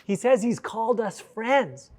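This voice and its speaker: High voiced youth pastor guy, middle-aged, chatty earnest sermon full of likes. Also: lively intonation, measured pace, darkish tone. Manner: earnest, conversational, many likes and restarts.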